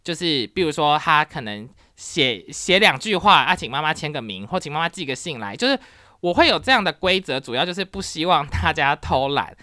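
A young adult university teacher telling a story in a casual podcast, animated and dropping English words into the talk. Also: medium pitch, fairly quick, dry recording, clean studio sound.

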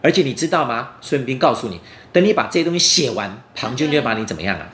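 A man's voice: medium pitch, very animated, fast talker, a bit bright. A man voicing a righteous, exasperated prison guard in a children's story, urgent and blunt. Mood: urgent warning. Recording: roomy echo, faint background noise.

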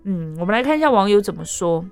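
A woman podcast host, chatting casually and reading out online comments in a lively way, with frequent exclamations and laughter. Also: medium pitch, quick pace, smooth, faint music behind. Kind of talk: casual chat reading netizen stories.

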